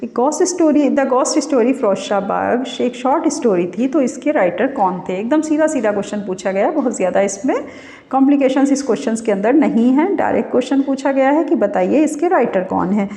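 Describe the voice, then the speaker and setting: A woman's voice: on the high side, expressive, brisk, mellow. A woman teaching an exam-prep literature lesson who explains each point by asking questions and then answering them herself. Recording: echoey room with long reverb.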